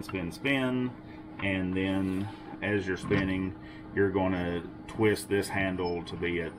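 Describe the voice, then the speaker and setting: Man for a workshop tutorial: deep, slow, patient, recorded near the bench with steady noise behind. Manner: patient, methodical, repeats key points. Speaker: workshop tool demonstrator. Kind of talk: step-by-step how-to explanation. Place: home workshop, indoors.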